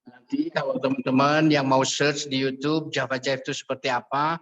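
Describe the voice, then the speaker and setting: A man's voice: medium pitch, normal speed. A man in his fifties from Bandung, a singer speaking as a webinar guest, his voice choppy and cutting out over a video call. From Bandung, Indonesia. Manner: relaxed, chatty, with fillers. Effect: choppy audio breaking up over a video call. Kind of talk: webinar talk. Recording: dull, dry video call audio.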